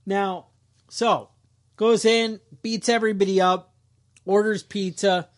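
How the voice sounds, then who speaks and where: Telling a story during a laid-back podcast chat, this male co-host is quick with jokes and slips into put-on voices. His voice sits high.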